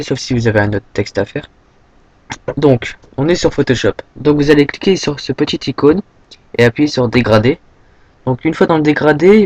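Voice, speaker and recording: A young man from France giving a casual, rambling software tutorial, full of fillers and a habit of saying "hop" as he clicks. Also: medium pitch, no room sound, muffled recording. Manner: rambling, filler-heavy, says "hop" often. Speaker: tutorial maker.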